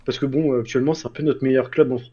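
A man's voice: medium pitch, fairly even intonation, rapid-fire, dark tone, husky, muffled recording. A man co-hosting a casual football chat, crude and swearing as he taunts rival fans. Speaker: co-host of a football show.

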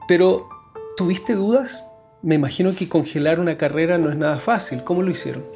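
A man with a voice pitched a little higher than most men hosts a friendly conversation. He asks curious follow-up questions and affirms his guest's points. Faint guitar music plays behind him. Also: brisk, darkish tone. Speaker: interview host. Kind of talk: conversational interviewing.

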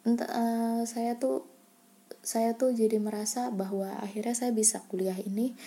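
A woman being interviewed, telling a personal story in a soft, reflective way that often slips into a breathy half-whisper. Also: mid-range voice. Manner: candid, many fillers and restarts. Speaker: interviewee, scholarship student abroad.

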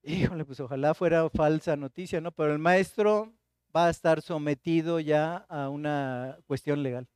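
Middle-aged Mexican male pastor, lively storytelling sermon, high-pitched, smooth resonant voice, dry close sound. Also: normal speed, dry recording. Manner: animated storyteller who acts out voices in anecdotes, frequent rhetorical "¿no?".

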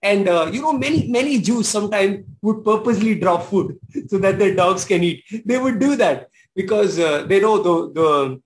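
A man's voice: sits high, moderate pace, rough recording. A man preaching a sermon as pastor, emphatic and repeating his key phrases with exclamations.

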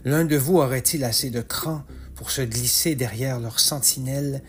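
A man narrating a rhymed epic tale in a slow, measured, rhythmic way. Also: mid-range voice, a little hiss or hum. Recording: soft music underneath.

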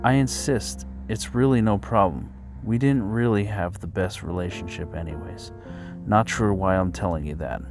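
A man's voice: low-pitched, moderate pace. A man voicing an awkward, nervous young man who talks hesitantly and apologetically, over faint background music.

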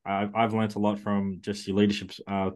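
A man's voice: fairly low pitch, completely flat delivery, brisk, a little mellow. A man speaking casually as a podcast host in an interview chat.

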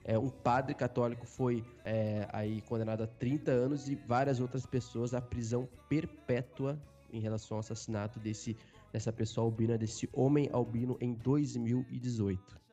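A man's voice: medium pitch, steady tone, normal speed, dark tone, faint music behind. A man co-hosting a podcast, talking things through in a reflective way with restarts and fillers. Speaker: podcast co-host. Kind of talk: casual discussion.

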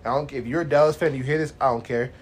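A man's voice: medium pitch, steady tone, very fast, slight background noise. A tired man co-hosting a casual sports podcast, laid-back and opinionated. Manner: laid-back, opinionated, sometimes bursts into chants. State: tired after work. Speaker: podcast co-host.

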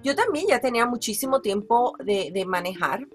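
A woman's voice: on the high side, animated, normal speed, soft background music. A woman hosting a podcast, chatting casually and sharing her own story with frequent reactions. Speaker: podcast host. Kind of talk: casual conversational chat.

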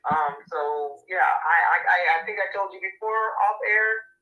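A woman co-hosting a casual chat, talking in an animated, lively way with many fillers. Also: fairly low pitch, normal speed, rough recording. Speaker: co-host.

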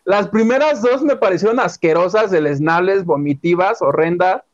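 A man's voice: sits high, normal speed, highs cut off. A man with a Mexican accent co-hosting a casual entertainment chat, gossiping dramatically about a TV singing show. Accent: Mexican Spanish. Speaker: show co-host.

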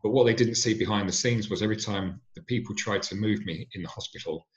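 Man, middle-aged, personal storytelling, earnest, halting, somewhat low voice, muffled lo-fi sound. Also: echoey room. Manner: earnest, halting with fillers and restarts. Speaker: injury survivor telling his story. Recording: dull lo-fi sound.

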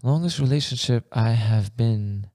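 A young adult man from Afghanistan co-hosts a podcast, chatting loosely and rambling with plenty of slang like "bro" and "man." His medium-pitched voice is mellow and measured, with studio-quality sound and no room echo.

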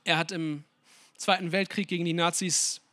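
A man preaching a sermon, speaking emphatically with strong swings in loudness and putting questions straight to his listeners. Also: on the high side, flat delivery, moderate pace, dry recording. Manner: addresses listeners directly with questions.

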